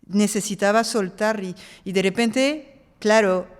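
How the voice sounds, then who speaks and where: A woman from France, a native French speaker, a guest in a casual interview, telling stories in lively bursts and acting out the voices of people she quotes. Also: medium pitch, unhurried, long reverb tail.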